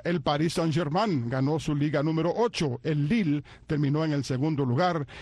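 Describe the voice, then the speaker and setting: Male sports host, brisk announcer, dry studio sound. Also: on the high side, no room sound. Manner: brisk announcer reading results. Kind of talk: radio sports roundup.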